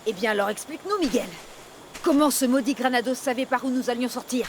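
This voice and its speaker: A suspicious woman pointing fingers at her allies, as an actress dubs her. Her voice is high and sharp, with background noise all around. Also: fast, lightly acted. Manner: accusing, sharp. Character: suspicious, accusing escaped woman. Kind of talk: dubbed telenovela acting.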